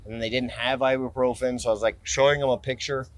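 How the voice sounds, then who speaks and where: This is casual gear-review vlog talk from an American man in his forties who runs a gear company, speaking fast in a flat, medium-pitched voice. Perched on a stone ledge in a city park, he rambles about his everyday carry, restarting sentences and breaking into his own thoughts with gear enthusiasm. A tripod camera sits a few feet away, with handheld close-ups mixed in.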